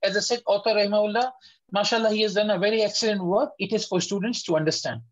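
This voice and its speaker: A man's voice: high voice, fairly even intonation. Patient male teacher on an online call. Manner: patient, demonstrates sounds slowly and repeats them. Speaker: Tajweed teacher. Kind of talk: online lesson, correcting students. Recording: slightly dull lo-fi audio.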